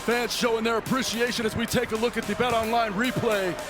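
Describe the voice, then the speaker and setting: A man doing excited, emphatic pro wrestling commentary, often shouting his calls. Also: extremely high pitch, fairly quick. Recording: loud music behind.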